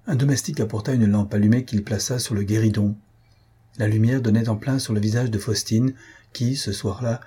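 A man reading a classic novel aloud as a narrator, with a measured, even delivery. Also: on the low side, slightly rough. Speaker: audiobook narrator. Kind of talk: scripted narration.

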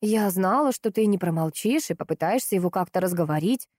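A woman reading an audiobook voices a calm, conciliatory young wife who speaks gently and evenly. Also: lowish voice, fairly quick, dry recording, clean studio sound. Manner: gentle, soothing and level.

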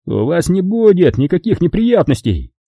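A man's voice: high-pitched, sing-song, gravelly, no echo, highs cut off, pitched above the performer's own voice, full character voice. A man doing a wry, patient robber. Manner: wry, explaining slowly. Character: sarcastic American male robber from Boston, patient.

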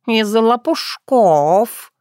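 A woman voicing a sly talking male cat, slow and purring. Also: on the high side, expressive, a little mellow, no echo, studio quality, voice pushed up. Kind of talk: audiobook character voice.

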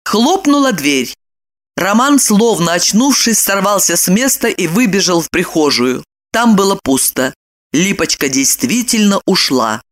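A woman reading a novel aloud as an audiobook narrator, in an expressive, dramatic storytelling manner. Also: medium pitch, unhurried.

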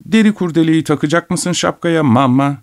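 A man's voice: a little high, normal speed, voice pushed up, close to an everyday voice. A man voicing a lazy teenage farm boy who talks in an eager, wheedling way.

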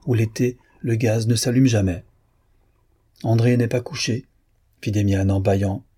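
A man narrating a novel in a measured, literary reading. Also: fairly low pitch, mellow, husky.

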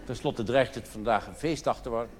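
A Dutch man performs live stand-up cabaret on a theatre stage in a large hall, telling anecdotes in a theatrical, mock-solemn style packed with rhetorical questions. His voice is mid-range and fairly quick. The live recording is reverberant and noisy.

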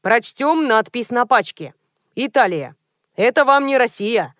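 A woman reading aloud and voicing a young male store manager who explains things slowly and defensively. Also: fairly high pitch, animated, fairly bright tone, no echo, clean studio sound. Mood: officious.

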